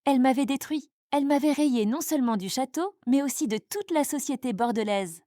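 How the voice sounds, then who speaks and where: Mellow-voiced woman narrating a drama. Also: high voice, fairly quick, no room sound, clean studio sound. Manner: dramatic, suspenseful storytelling. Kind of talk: dramatic first-person story narration.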